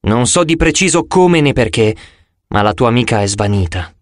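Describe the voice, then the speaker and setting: A man voicing a calm, gentle goddess who speaks slowly and formally in an audiobook. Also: medium pitch, dry recording, studio quality, pitched below the performer's own voice, natural voice. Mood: solemn. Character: young-looking goddess, calm, gentle and ancient.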